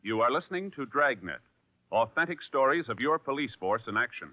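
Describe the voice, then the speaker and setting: A man's voice: medium pitch, animated, brisk, soft background music. A male radio announcer reading an upbeat, emphatic 1950s commercial. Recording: dry tinny 1950s radio broadcast.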